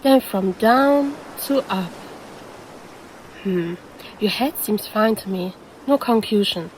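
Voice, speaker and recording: A woman's voice: medium pitch, lively intonation, slow, a little mellow, slight background noise, poor audio. A woman voicing a predatory female siren who poses as a lifeguard and teases the listener in an audio roleplay. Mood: concerned, puzzled. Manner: teasing, calls the listener handsome.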